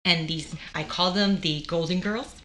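Bright-voiced young woman telling her story. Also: on the low side, a little slow, slight background noise. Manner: animated, acts out quoted voices. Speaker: guest sharing her cancer story. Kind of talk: casual storytelling chat.

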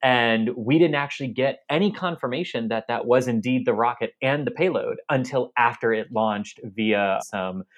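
A man's voice: mid-range voice, normal speed, hardly any pauses. A man co-hosting a casual space news show who explains things in detail. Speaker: podcast co-host.

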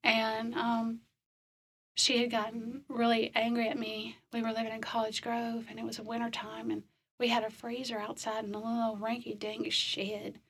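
A woman calmly recounting hard childhood memories in a slow, matter-of-fact way during a conversation. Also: a little high, husky. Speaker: guest telling her life story. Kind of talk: personal storytelling in conversation.

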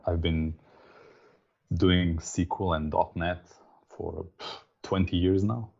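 Deep, gravelly Slovenian-accented man. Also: steady tone, slow pace, darkish tone, muffled recording. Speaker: interview guest, software developer. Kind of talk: casual conversational interview.

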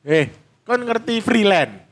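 A man's voice: high-pitched, big pitch swings, slow pace. A man with an East Javanese accent in casual chat, asking lots of questions and making playful wordplay jokes.

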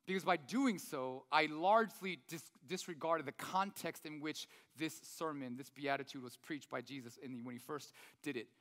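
A man's voice: a little high, normal speed, few pauses. A man preaching a chatty sermon as a pastor, reading scripture and correcting himself as he goes, his voice ringing with a big hall echo. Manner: chatty, self-correcting, often adds "right?". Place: church hall. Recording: loud voice in an echoey hall.

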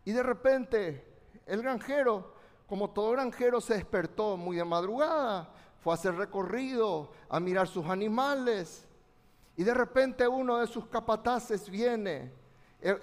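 A man preaching a fervent sermon, speaking directly to his congregation and calling for their responses. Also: high voice. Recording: long reverb of a large hall.

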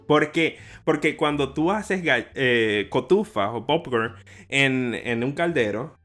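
A man's voice: medium pitch, lively intonation, takes it slowly, a bit bright, faint music behind. A young man from Maracaibo with a Venezuelan Maracucho accent, explaining local slang in a casual, playful chat and often laughing.

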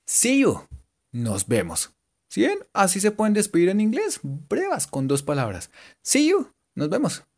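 A man giving a casual, joking English lesson and repeating English words slowly for his students. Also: high-pitched, huge pitch swings, a little mellow. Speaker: English teacher. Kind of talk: casual bilingual language lesson.

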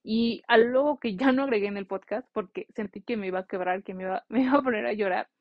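A woman's voice: fairly high pitch, fast talker, no room sound. Young adult woman nurse, earnest heartfelt storyteller coaching students; slightly muffled, dry recording. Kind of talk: casual spoken monologue to nursing students.

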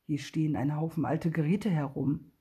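Eine Frau liest lebhaft und ausdrucksvoll eine Kindergeschichte vor. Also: female voice, deep voice, normal speed, breathy edge. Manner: lively, expressive storytelling. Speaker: storyteller. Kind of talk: reading a children's story aloud.

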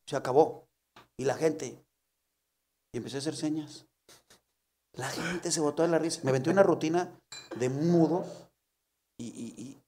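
A Mexican man with a low, gravelly voice and a mellow tone talks shop as a comedian. He muses and asks questions in a relaxed way. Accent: Mexican Spanish. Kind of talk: casual chat.

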